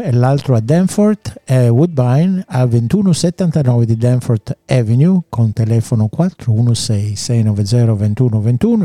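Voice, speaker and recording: A man's voice: mid-range voice, mellow, no room sound. A man with a Sicilian accent giving informative radio talk as a real estate expert.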